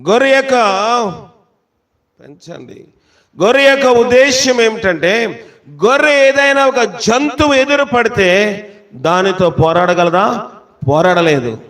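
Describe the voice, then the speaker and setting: A man with a high voice preaching a sermon. He keeps asking his listeners questions, then slows right down to quote scripture with heavy emphasis. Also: lively intonation, a bit bright. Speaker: pastor.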